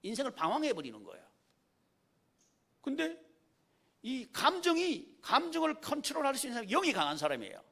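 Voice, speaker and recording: A male pastor delivers a Sunday sermon in a church, his fairly high voice leaping wildly up and down. He keeps throwing rhetorical questions at the congregation and coaxing amens. He drops from loud calls to hushed, almost whispered lines. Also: wildly swooping pitch, fairly quick, vocal fry, long pauses. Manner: rhetorical questions and prompts for amen. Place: church sanctuary.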